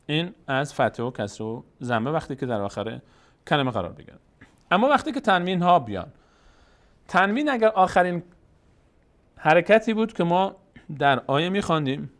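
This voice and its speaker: A man teaching a Quran recitation lesson, patiently explaining rules and slowly drawing out example words. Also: a little high, fairly bright tone. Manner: patient, asks and answers his own questions, draws out example words slowly. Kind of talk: step-by-step lesson.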